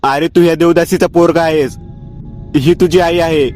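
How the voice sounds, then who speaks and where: A man's voice: on the high side, steady tone, normal speed, faint music behind, lightly acted. A man doing a stern old village priest. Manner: shouting, stern.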